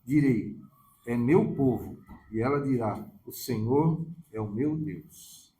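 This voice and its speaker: A man's voice: medium pitch, animated, takes it slowly, dark tone, roomy sound, slight background noise, low-quality recording. A man from Brazil reading scripture and leading a fervent prayer that keeps calling on the Lord. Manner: fervent prayer with repeated "Senhor". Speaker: preacher.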